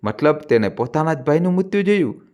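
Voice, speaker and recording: A man's voice: on the high side, sing-song, fast, darkish tone, pitched above the performer's own voice. A man voicing a frightened, curious young boy who asks pleading, hesitant questions in a raised voice. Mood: anxious pleading.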